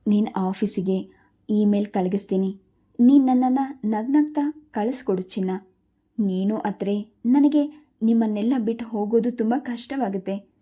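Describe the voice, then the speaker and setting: Storybook father, as a woman narrator puts him on, soothing, fond, mellow. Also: mid-range voice, moderate pace, natural voice. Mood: coaxing. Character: affectionate middle-aged father, gently coaxing.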